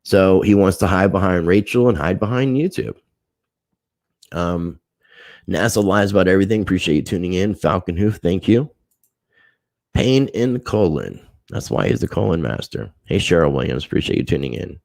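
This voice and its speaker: A man's voice: low voice, lively intonation, moderate pace, creaky, darkish tone, no echo, clean studio sound. A man hosting a casual livestream, reading viewer comments, thanking people by name and airing a grievance. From United States. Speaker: livestream host.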